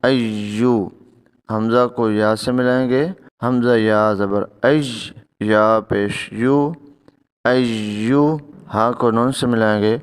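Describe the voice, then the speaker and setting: A man teaching recitation pronunciation, slowly drawing out each syllable and then explaining the rule in quicker speech. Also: medium pitch, steady tone, smooth. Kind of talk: tajweed pronunciation lesson.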